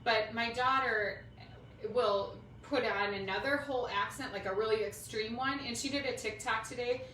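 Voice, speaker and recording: At normal speed and a little high, her voice is bright and forceful, marked by a Minnesota accent. A middle-aged woman from Minnesota, United States, she hosts a craft livestream and rambles through informal chat. The recording, made indoors in a roomy space at home, sounds roomy with a distant mic and faint noise.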